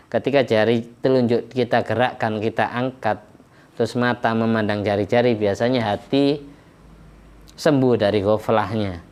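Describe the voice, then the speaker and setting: A man's voice: fairly low pitch, darkish tone. A man, an Islamic preacher, explaining worship practice plainly and chanting verses in Arabic during a religious study lecture.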